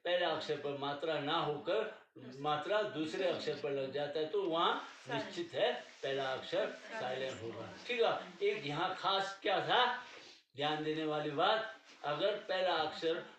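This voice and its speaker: A man's voice: on the high side, expressive, measured pace, a bit bright. Man, language teacher, patient classroom explanation, roomy echo, distant mic. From Tibetan community. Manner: patient, repeats "ठीक है" to check understanding. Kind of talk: classroom lesson explaining pronunciation. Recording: echoey room, mic far off.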